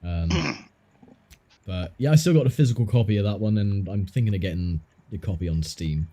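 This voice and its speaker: Low, mellow man chatting casually. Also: moderate pace. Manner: rambling, self-interrupting storyteller. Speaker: streamer. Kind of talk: casual chat.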